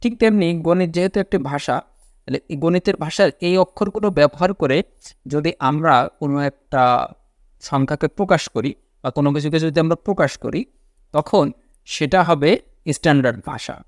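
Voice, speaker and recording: A man delivers a patient classroom lecture, his voice a touch higher than most men's. He repeats key words, poses questions and answers them himself, and checks often that his listeners follow. The recording is dry, with no room sound. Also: normal speed, dry recording. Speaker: teacher.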